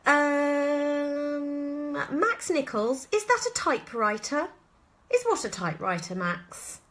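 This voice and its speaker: In a slightly high, sharp voice, a British actress and voice actor chats casually during a live Q&A from indoors at home, answering viewer questions in a rambling, self-deprecating way.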